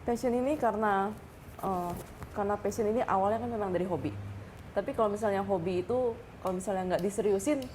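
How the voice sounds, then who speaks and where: Fast-talking young woman guest. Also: medium pitch, a little mellow. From Indonesia. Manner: fast, earnest, explaining with many fillers. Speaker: guest paper-cutting artist. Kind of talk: TV interview. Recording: noisy TV studio.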